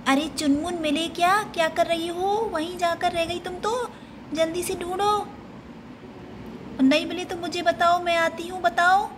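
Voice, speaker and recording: A woman's voice: very high-pitched, flat delivery, measured pace, noisy background. Woman voicing a bossy big-sister doll. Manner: scolding, impatient. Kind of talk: doll play storytelling.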